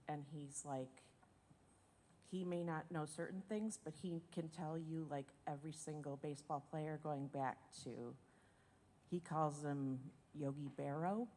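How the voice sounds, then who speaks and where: A woman giving informal personal testimony at a school board meeting, telling it in a conversational, halting way. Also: deep voice, mellow, a little hiss or hum. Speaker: parent giving public comment.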